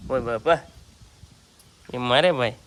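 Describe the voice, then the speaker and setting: A woman's voice: extremely low pitch, slow pace, a little hiss or hum. A woman from Gujarat, India, narrating a casual family vlog in a chatty way, coaxing a child to talk. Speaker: vlogger.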